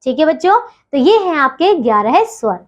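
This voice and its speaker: A woman with a high, light voice teaches a grammar lesson to children. She is patient and spells sounds out slowly, checking in with the class again and again. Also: big pitch swings.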